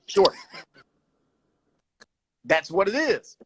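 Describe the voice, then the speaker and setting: Animated man, casual talk. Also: medium pitch, moderate pace, background noise. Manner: animated, loose slang, restarts often, says "you know what I'm saying". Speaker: guest roller skater. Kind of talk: casual conversation.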